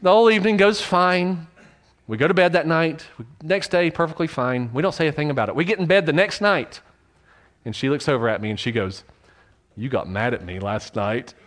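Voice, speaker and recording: A man's voice: on the high side, animated, brisk, fairly bright tone. A pastor preaching in his church, telling a personal story in a candid, self-deprecating way, with frequent fillers and restarts.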